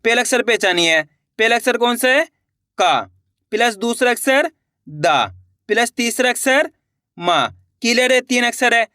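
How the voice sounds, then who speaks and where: A man's voice: extremely high pitch, pushed and bright, dry recording, clean studio sound. A young man teaching children to read, patiently sounding out syllables one by one in an online lesson. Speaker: Hindi reading teacher.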